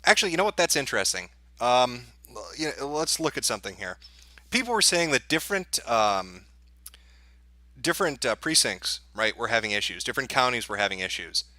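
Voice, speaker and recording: A man's voice: mid-range voice, very animated, a little fast, bright, forceful tone, no room sound. A man hosting a livestream as an off-the-cuff election night analyst, thinking aloud as he reads out results in casual live commentary. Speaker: livestream host.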